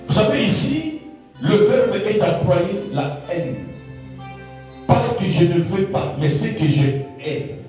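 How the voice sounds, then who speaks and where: High-voiced preacher in an echoey hall. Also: male voice, very animated, takes it slowly. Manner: emphatic preaching, swinging from low asides to high shouts; repeats words and phrases for emphasis. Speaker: pastor. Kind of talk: sermon. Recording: very echoey, distant from the mic, faint music.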